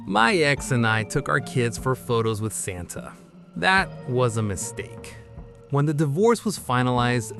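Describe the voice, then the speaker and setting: A man narrating a horror story with a lively, expressive reading. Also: medium pitch.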